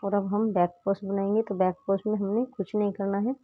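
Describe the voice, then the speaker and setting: A woman's voice: mid-range voice, little pitch movement, brisk, dry recording. A woman with a sore throat patiently teaching crochet step by step, often pointing out what to look at as she works. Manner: patient, repeats "dekhiye" while demonstrating. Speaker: crochet tutorial host. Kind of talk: step-by-step craft instruction. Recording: tinny phone-like sound.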